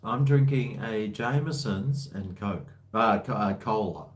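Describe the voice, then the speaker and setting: A man's voice: fairly low pitch, unhurried. A man chatting casually on a livestream, rambling in blokey, laid-back slang. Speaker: livestream host. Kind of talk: casual livestream chat, answering viewer comments.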